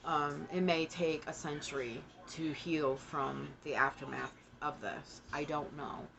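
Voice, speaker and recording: A woman who is short of breath gives a personal update in a casual monologue, speaking in halting, broken phrases. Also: low voice, fairly even intonation, vocal fry, crowd noise. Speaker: vlogger giving a personal family update.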